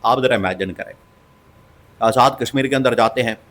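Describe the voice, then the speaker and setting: A man's voice: medium pitch, a little fast, a bit bright. A man giving opinionated political commentary, emphatic and scornful, and he repeats phrases for stress.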